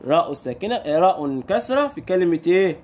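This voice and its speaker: A man with an Egyptian Arabic accent teaching young pupils their letters, stretching sounds out slowly and firing quick questions at the children. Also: high voice, big pitch swings, a little mellow, a little hiss or hum. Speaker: primary school Arabic teacher. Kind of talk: recorded lesson for young children.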